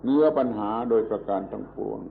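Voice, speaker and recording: A man giving a Buddhist sermon as a monk, talking slowly and deliberately and repeating words for emphasis, on a muffled old recording. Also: on the low side, creaky. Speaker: monk giving a Dhamma talk. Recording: muffled, phone-like old tape with faint hiss.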